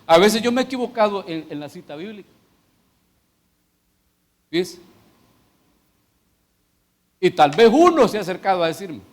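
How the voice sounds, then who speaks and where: A man's voice: high voice, very animated, normal speed, long pauses. A middle-aged man with a Salvadoran Spanish accent, a pastor teaching a sermon in a conversational way that turns into fervent prayer.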